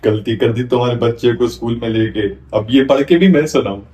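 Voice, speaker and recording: A man's voice: mid-range voice, brisk, dark tone, slight background noise. A man acting as a scolding, exasperated teacher in a comedy sketch.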